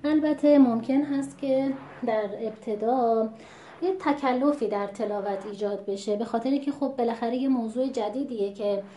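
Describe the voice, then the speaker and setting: Mellow woman teaching Quran recitation. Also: a little high, slight background noise. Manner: measured, patient, demonstrates pronunciations aloud. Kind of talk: explanatory lesson. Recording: echoey room.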